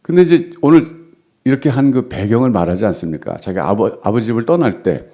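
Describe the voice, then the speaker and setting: A man's voice: medium pitch, animated, brisk, dark tone. A middle-aged male pastor preaching a sermon in a conversational way, acting out quoted lines with rising emphasis.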